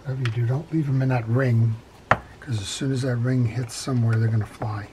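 A middle-aged man calmly talking through a step-by-step reel repair at his workbench, with frequent fillers as he works. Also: medium pitch, brisk, noisy background. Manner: calm, practical, talks while working, frequent fillers. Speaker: fishing reel repair instructor. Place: workshop bench.

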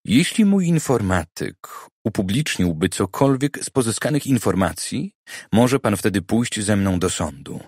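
Audiobook role: male narrator playing a shrewd private eye, deep voice, dry studio sound, calm persuasive delivery. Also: husky, no echo, full character voice. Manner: measured, persuasive. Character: cautious, clever male private detective.

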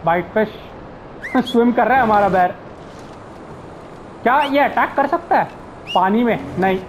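A man giving casual gameplay commentary, relaxed and mixing in English words, chuckling at the game. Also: high voice, measured pace, a little hiss or hum, low-quality recording. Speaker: gamer, channel host.

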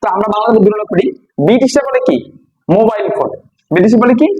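High-voiced man drilling vocabulary. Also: animated, fast talker, darkish tone, highs cut off, slight background noise. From Bangladesh. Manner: repeats each word and quizzes listeners with questions. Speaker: English teacher. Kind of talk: classroom-style vocabulary lesson.

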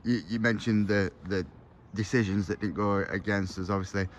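English club interviewer, low voice. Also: male voice, fairly even intonation, moderate pace, a little hiss or hum. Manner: conversational, leading questions. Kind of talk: post-match interview questions.

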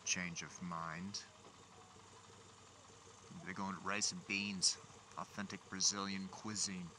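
Low-voiced man talking inside a motorcycle helmet. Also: little pitch movement, slow. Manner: wry, grumbling asides at traffic. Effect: voice enclosed inside a motorcycle helmet. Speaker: motovlogger. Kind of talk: casual chat, muttering to himself while riding. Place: riding a motorcycle outdoors on city streets at night. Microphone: small mic inside helmet, recorder. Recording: engine and traffic noise, helmet-mounted mic.

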